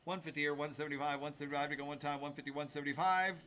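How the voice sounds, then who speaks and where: Bright-voiced man doing an auctioneer chant. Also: fairly high pitch, steady tone, very fast, slight background noise. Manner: sing-song repetition of numbers. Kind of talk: rapid rhythmic auctioneer chant, repeating bids.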